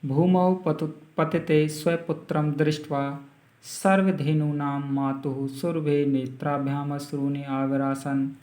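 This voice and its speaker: A man teaching a school lesson, reading phrases aloud and explaining each word slowly and repeatedly for his students. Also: fairly high pitch, flat delivery, a little mellow, roomy sound. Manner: slow, repeats words and meanings for students. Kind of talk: Sanskrit lesson, line-by-line translation.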